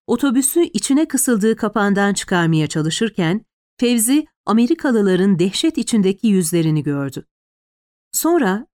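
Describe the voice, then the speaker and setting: A woman's voice: a little high, a little mellow, dry recording. Lady reading a thriller audiobook, tense and dramatic, voice swings a lot, dead dry room.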